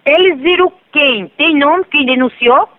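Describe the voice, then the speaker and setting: A woman's voice: high-pitched, unhurried. A woman heard over a phone line, talking in an indignant, scolding way. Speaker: prank call victim.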